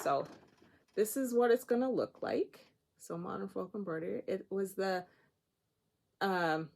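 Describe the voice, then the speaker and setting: A woman's voice: on the low side, gravelly. A woman from Nova Scotia hosting a craft podcast, chatting casually and rambling as she shows her projects, often laughing at herself. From Nova Scotia, Canada. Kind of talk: casual show-and-tell chat.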